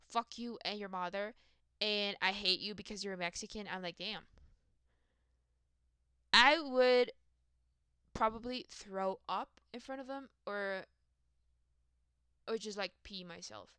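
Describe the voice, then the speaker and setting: Bright, crisp-voiced woman ranting profanely. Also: medium pitch, dry recording, studio quality. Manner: profane, rambling, self-mocking. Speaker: vlogger. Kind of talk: casual rant.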